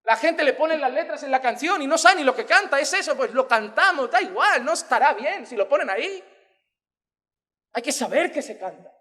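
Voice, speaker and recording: A man's voice: very high-pitched, lively intonation, moderate pace, bright, forceful tone. A man preaching an emphatic, impassioned sermon. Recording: long hall reverb.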